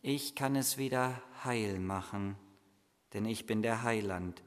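Man doing a calm, soft-spoken child Jesus, very slow, in a reverberant hall. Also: lowish voice. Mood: gentle.

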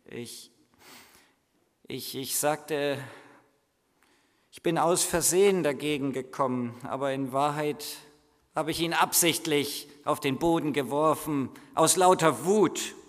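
Male preacher doing a nine-year-old boy: high, stammering, tearful. Long church reverb. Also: unhurried, few pauses, a bit bright, heavily acted. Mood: distressed.

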